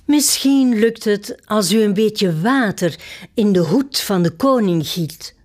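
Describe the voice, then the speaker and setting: A woman's voice: mid-range voice, lively intonation, takes it slowly, darkish tone. A woman reading a storybook aloud and voicing a patient, weary male footman who explains things hesitantly. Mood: explaining.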